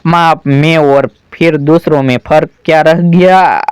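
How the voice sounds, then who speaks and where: An outspoken young sister-in-law, read by a male storyteller in a storybook tale. The voice is slightly high and slow, and the sound is dry. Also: steady tone, smooth, no room sound, natural voice. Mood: protesting. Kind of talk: storybook narration.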